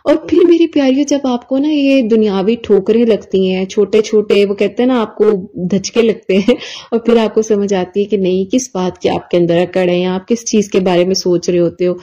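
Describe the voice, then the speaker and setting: A woman's voice: medium pitch, steady tone, dark tone. A woman video creator chatting through a personal story, fondly calling her listeners her dears. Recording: slightly dull lo-fi recording.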